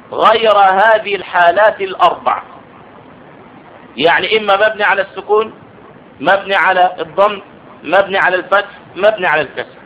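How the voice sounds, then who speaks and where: A man teaching grammar in a classroom lesson, explaining step by step and often checking that his students follow. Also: high-pitched. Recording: dull lo-fi audio with faint noise.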